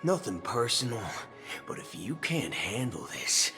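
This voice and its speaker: A man's voice: fairly low pitch, big pitch swings, a little slow, music in the background. A man playing an impatient, brash cyborg gunslinger in a video game, challenging staff like an entitled customer. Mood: impatient, demanding.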